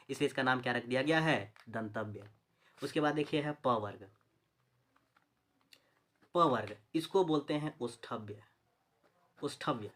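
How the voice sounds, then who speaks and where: A man's voice: fairly high pitch, a bit bright. A man teaching a Hindi phonetics lesson for exam preparation, repeating terms and asking the viewer questions before answering them. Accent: Chhattisgarhi Hindi.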